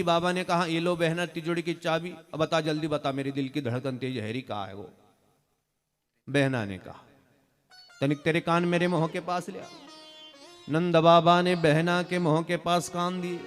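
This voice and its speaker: A man's voice: a little high, fairly even intonation, moderate pace, soft background music. A man from Maharashtra, a Marathi native speaker, telling a devotional story as a sermon and acting out village characters in dialect voices. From Maharashtra, India. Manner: urges the audience to call out loudly. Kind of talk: Bhagavat katha sermon storytelling.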